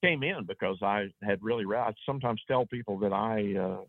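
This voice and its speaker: A man's voice: fairly low pitch, brisk, no room sound, narrow, tinny audio. Folksy man with an Appalachian accent. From East Tennessee, USA. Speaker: guest author. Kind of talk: casual interview talk.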